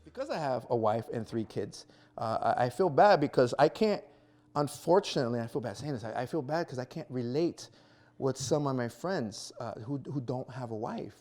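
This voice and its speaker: A man in his thirties doing a stand-up comedy set, animated and self-mocking, acting out little scenes. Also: mid-range voice, moderate pace, soft background music. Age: 30s. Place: small performance venue before a live audience.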